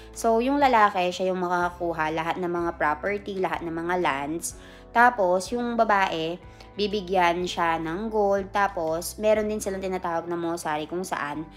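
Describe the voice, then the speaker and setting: A woman vlogger casually explaining a family custom, chatty, with fillers and self-corrections. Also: lowish voice. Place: busy event hall with a crowd and music.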